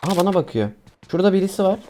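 A young man casually commentating his own mobile shooter gameplay, chatty and excitable, talking to viewers and teammates. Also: high voice, rapid-fire, heavy background noise. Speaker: gaming streamer.

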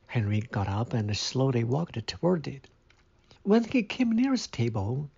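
Male narrator for a read-aloud story, measured and husky, muffled lo-fi sound. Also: mid-range voice.

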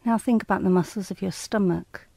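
In a calm, soothing tone that is measured and a touch clinical, a woman with a gravelly, medium-pitched voice reads scripted relaxation guidance. The recording has no echo.

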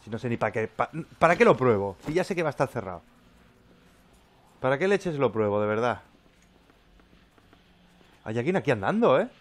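A man's voice: medium pitch, big pitch swings, moderate pace, long pauses. Jumpy, swearing gamer man. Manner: jumpy, swearing, yelping when frightened. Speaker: gameplay commentator. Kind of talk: let's play commentary.

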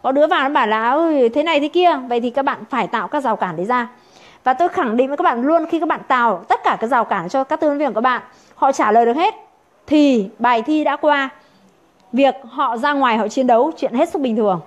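A woman's voice: sits high, quick pace. A woman training sales consultants, emphatic and full of rhetorical questions. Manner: emphatic, rhetorical questions, acts out quoted objections.

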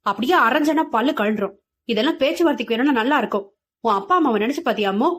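A woman's voice: a little high, fast talker, close to an everyday voice. A woman voicing a young male college friend who teases and scolds bluntly. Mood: scolding. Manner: teasing, scolding banter.

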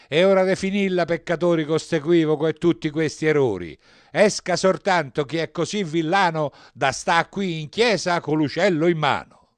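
A man voicing an irritated parish priest who shouts his reproaches at the congregation in a strained, raised voice. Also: a little high, normal speed, dry recording, voice pushed up, lightly acted. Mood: furious. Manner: shouting, exasperated.

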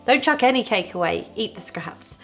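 A woman's voice: mid-range voice, lively intonation, normal speed, fairly bright tone, faint music behind. A young woman, hosting a baking tutorial from her home kitchen and giving friendly, reassuring step-by-step instructions. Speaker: baking show host. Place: home kitchen with fairy lights.

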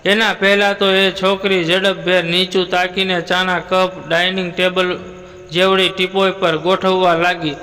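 A man narrating a moral story in a steady, even storytelling read. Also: sits high, measured pace, long reverb tail.

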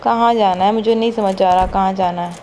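A woman's voice: mid-range voice, steady tone, a little fast, mellow, slight background noise. A woman streamer giving casual let's-play commentary, chatty and teasing, with mock-scared exclamations. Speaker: gaming streamer.

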